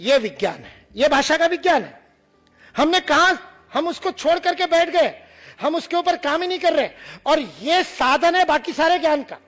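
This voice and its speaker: A man's voice: very high-pitched, fairly bright tone. A man from India lecturing to students, demonstrating sounds and teasing the audience with humor.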